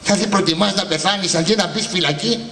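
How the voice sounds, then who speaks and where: Man doing a fussy scolding sidekick in a puppet show, exasperated, high and roomy, heard from far back. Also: bright, forceful tone. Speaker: shadow puppeteer. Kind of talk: live shadow puppet comedy. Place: live stage performance. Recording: echoey hall from far off.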